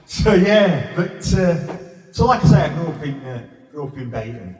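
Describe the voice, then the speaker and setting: A Sheffield man in his fifties rambles through a blunt, sweary stand-up set. His voice sits at a middling pitch and reaches the recording from a distance, washed in long echoing reverb from the stage mic. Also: big pitch swings, moderate pace, a little mellow, slight background noise. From England. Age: 50s. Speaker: stand-up comedian. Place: pub function room. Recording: echoey reverb room from far off.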